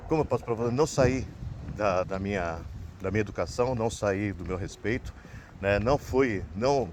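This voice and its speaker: A Brazilian man with a fairly low voice rambles casually through a personal story in his vlog, his Brazilian Portuguese accent clear and "né?" closing his sentences. A slight background noise can be heard.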